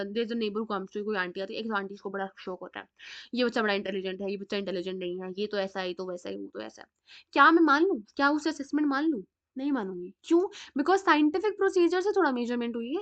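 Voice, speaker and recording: A woman with a North Indian accent giving a chatty psychology lecture, mixing Hindi and English and asking rhetorical questions. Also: sits high. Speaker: psychology teacher. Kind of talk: classroom lecture. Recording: dull lo-fi sound.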